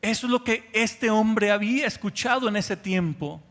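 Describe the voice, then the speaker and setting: A man with a Mexican Spanish accent preaches from the pulpit in a fairly high, lifted voice. His delivery moves between quiet, intimate stretches and swelling, emphatic appeals. The sound carries a long reverb of a large hall. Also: moderate pace. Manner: impassioned preaching, swinging from soft to loud. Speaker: pastor. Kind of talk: sermon.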